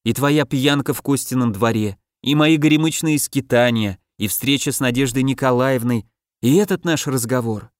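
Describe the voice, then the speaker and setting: A man reading the lines of a weary, fatalistic woman in an audiobook, in a flat, indifferent tone. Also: medium pitch, normal speed, no room sound, studio quality, natural voice. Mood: wistful.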